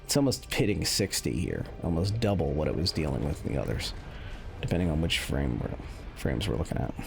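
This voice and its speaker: Music runs beneath this man's unscripted, casual game-review commentary as he runs benchmarks. His very deep voice is creaky, sing-song and brisk, yet his explanations wander and hesitate.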